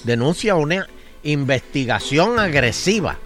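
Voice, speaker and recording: A man's voice: fairly high pitch, very animated, measured pace, a bit bright, faint music behind. A Puerto Rican man hosting casual talk radio, rambling along and often stammering and repeating words as he goes. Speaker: radio talk show host.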